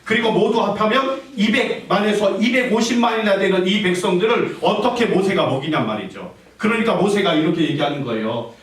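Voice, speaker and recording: In a church sanctuary, a male pastor preaches in a high, expressive voice, a little fast and with few pauses. He fires questions at the congregation and repeats their answers back in call-and-response style. He is far from the mic, so his voice comes from afar amid the echo of the church hall.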